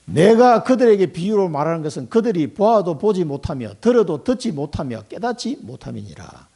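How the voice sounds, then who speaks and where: A middle-aged male pastor preaching a sermon, acting out prayers and replies in lively quoted voices. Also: high-pitched, fairly quick, gravelly. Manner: animated, acts out prayers and God's replies in quoted voices, chuckles.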